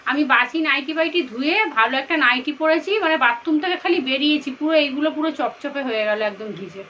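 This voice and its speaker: A woman, hoarse from a cold, chatting casually and tiredly through a daily vlog. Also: sits high, lively intonation, a little fast, bright, forceful tone, lo-fi sound, slight background noise. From India. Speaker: vlogger.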